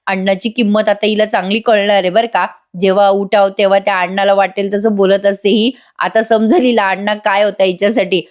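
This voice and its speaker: A woman's voice: mid-range voice, little pitch movement, brisk, few pauses. A woman hosting a voice-over review, recapping a TV serial and chatting to viewers with wry asides. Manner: chatty, addresses viewers, comments wryly.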